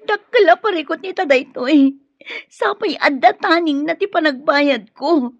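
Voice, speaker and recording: A woman's voice: sits high, a little slow, no room sound. A woman acting in a radio drama as an anxious, plaintive sweetheart weighed down by debt. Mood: worried, plaintive. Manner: fretful, plaintive. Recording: dull muffled radio drama recording.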